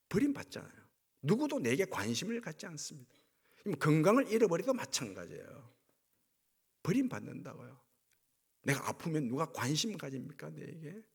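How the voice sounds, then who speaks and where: A male pastor delivers a sermon, dramatizing cries of anguish with sweeping swings in pitch and volume. His voice is slightly rough.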